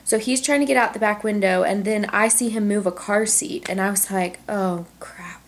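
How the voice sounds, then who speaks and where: A young adult woman vlogger telling a story in a casual, animated way, full of "like"s, recorded at home on a camcorder. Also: mid-range voice, fairly quick. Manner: animated, chatty, many "like"s. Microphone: camcorder on tripod.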